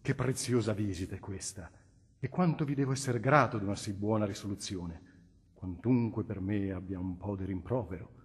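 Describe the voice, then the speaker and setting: A venerable old cardinal in an audiobook, speaking softly and affectionately in a low, husky voice, as a male reader puts him on. A long reverb trails his words. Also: moderate pace. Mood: gentle. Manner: affectionate, calm, lower and softer speech.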